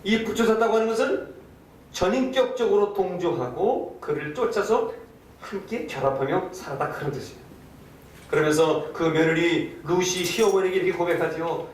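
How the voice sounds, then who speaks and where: Pastor preaching in an echoey church. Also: male voice, normal speed. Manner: storytelling, acting out quoted lines and asking the congregation questions. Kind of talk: sermon. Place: church sanctuary. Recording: echoey hall, distant mic, faint rumble.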